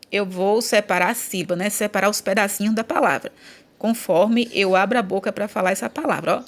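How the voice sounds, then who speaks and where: A woman with a Brazilian Portuguese accent teaching a grammar lesson for children, speaking patiently and stretching out syllables when she chants example words. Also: medium pitch.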